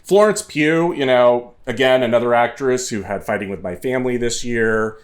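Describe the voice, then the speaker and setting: A man's voice: medium pitch, moderate pace. A man co-hosting a podcast, chatting casually about films with fillers, restarts and jokes. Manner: rambling, frequent fillers and restarts, jokey. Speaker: podcast co-host. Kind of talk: casual film chat.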